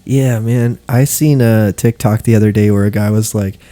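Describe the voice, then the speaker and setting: A man's voice: lowish voice, fairly even intonation, moderate pace, dark tone, no room sound. A young man co-hosting a casual podcast chat, laughing easily, saying dude a lot and acting out what people said. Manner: laughing storyteller, says dude a lot, acts out quotes. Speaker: podcast co-host.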